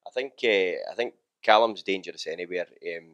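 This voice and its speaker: A man in his thirties, an MMA fighter, answering interview questions in a relaxed way with many fillers, recorded indoors in a small gym room on a handheld mic. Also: low voice, brisk. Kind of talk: post-training interview. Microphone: handheld mic held close.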